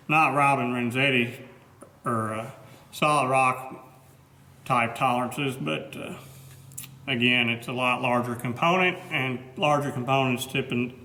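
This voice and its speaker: A man's voice: medium pitch, sharp tone. Plainspoken man explaining machine work. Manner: plainspoken, modest, matter-of-fact. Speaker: machinist presenting his repair work. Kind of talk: casual workshop explanation.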